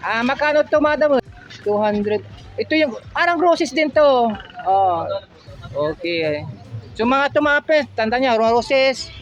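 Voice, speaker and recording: A very high-pitched man with a Filipino accent vlogs casually at outdoor stalls, asking vendors for prices and treating viewers as friends. His intonation is lively but his pace slow, and the sound is lo-fi.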